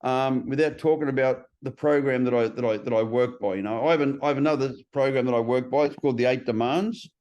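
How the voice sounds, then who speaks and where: A man talks fast with few pauses, his medium-pitched voice a little mellow. As a podcast host in casual chat, he's blunt and profane, acting out others' voices, all captured in slightly dull lo-fi sound.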